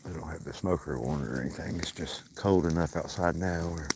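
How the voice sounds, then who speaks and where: A man's voice: very deep voice, a little fast. A man with an Appalachian accent and a folksy rural way of talking, chatting casually on a livestream. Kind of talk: casual fireside livestream chat. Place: outdoors at night by a fire. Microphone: handheld phone. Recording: clearly noisy outdoor phone recording.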